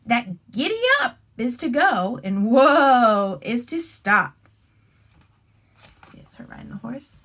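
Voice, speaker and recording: Reading a picture book to little kids, this woman teacher speaks slowly in a fairly high voice. Her delivery is expressive and instructive, with offhand comments mixed in.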